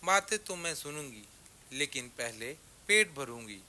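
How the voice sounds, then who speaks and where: A man's voice: mid-range voice, expressive, measured pace, pushed and bright, slight background noise. A man voicing a greedy, good-natured female goat who loves food in a children's story. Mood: cheerful. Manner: easygoing and food-loving.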